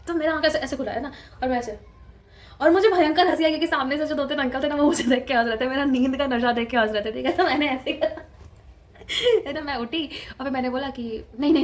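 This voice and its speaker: High-voiced chatty young woman vlogging. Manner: chatty, laughs often, mixes English into Hindi. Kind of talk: casual storytelling vlog.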